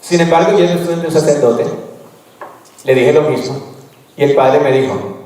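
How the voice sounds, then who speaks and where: A man's voice: on the high side, normal speed, darkish tone. Man giving a candid retreat talk in an echoey hall. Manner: candid, conversational storytelling. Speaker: retreat speaker. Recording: echoey hall, voice far from mic.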